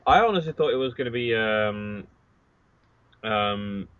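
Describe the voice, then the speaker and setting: A man with a fairly low voice chats hesitantly as a podcast co-host, leaning on ums and likes. The recording is dry and dull, with no room sound and a muffled lo-fi tone. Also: expressive, unhurried, a bit bright, clear, resonant tone, dry recording. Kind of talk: casual chat.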